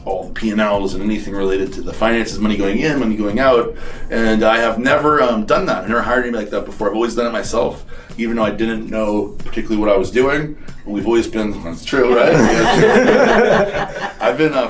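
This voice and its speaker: Low-voiced man giving a casual tour. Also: brisk. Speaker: company CEO giving a tour. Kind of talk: casual unscripted tour talk.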